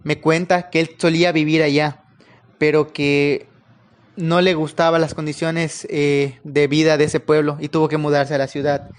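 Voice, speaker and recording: A man telling a first-person horror story, in a calm, unhurried manner with occasional pauses. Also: fairly high pitch.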